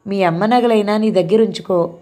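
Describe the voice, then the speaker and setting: A woman voicing an ailing elderly father who speaks slowly and tenderly to his daughter. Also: medium pitch, dark tone, close to an everyday voice.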